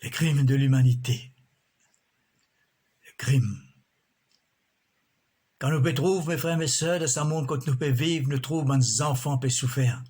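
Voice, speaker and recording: A man preaching a sermon in a slow, measured way, often breaking in with alleluias. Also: medium pitch, a little mellow, slightly rough.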